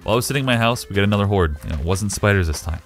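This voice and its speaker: A young man with a fairly low voice tells the story of his game in a casual, jokey way. He gets excited fast and breaks into shouts when things go wrong. Light music plays under him. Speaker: Minecraft YouTuber narrating gameplay. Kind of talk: casual gaming commentary with narration.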